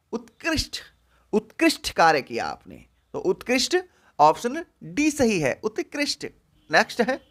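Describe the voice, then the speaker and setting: High-voiced man teaching word spellings. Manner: repeats each word slowly, stretching syllables; drops low and soft at the end of each answer. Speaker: exam prep teacher. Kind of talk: Hindi spelling lesson, going through answer options.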